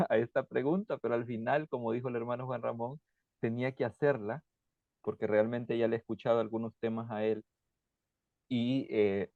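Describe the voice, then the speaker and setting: A man hosting his channel, talking in a relaxed, plain way with some restarts over a call. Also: mid-range voice, dry recording. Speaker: channel host. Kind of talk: casual conversation. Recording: dry, dull lo-fi sound.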